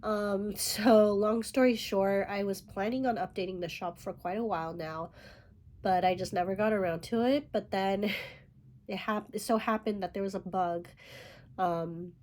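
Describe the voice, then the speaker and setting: A woman hosting a relaxed knitting vlog while fighting a head cold, her voice stuffed-up and nasal. She talks in an easygoing, rambling way, full of "um"s and "like"s, at a middle pitch. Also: a little slow. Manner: rambling, lots of fillers and light laughs. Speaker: yarn dyer and podcast host. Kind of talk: casual chatty knitting vlog.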